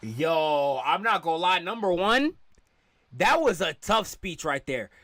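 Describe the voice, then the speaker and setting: A man reacting to a video on stream, incredulous and full of slang. His fairly high voice swoops widely, and the sound is dry and close. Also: very animated, measured pace, fairly bright tone, no room sound. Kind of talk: casual reaction commentary.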